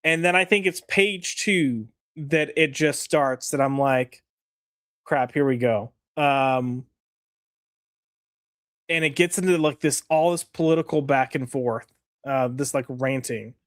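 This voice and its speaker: A man's voice: on the high side, unhurried, a bit bright, dry recording, clean studio sound. A man co-hosting a casual comic review chat, frank and exasperated, rambling with fillers.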